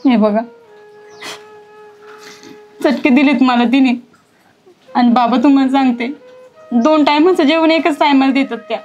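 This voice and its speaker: Give me an actress as a heartbroken crying stepdaughter pleading with her father in a high voice. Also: a little slow, pauses often, a little mellow, highs cut off, faint music behind. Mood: tearful. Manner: tearful, pleading. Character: mistreated young village stepdaughter, heartbroken. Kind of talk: village drama acting.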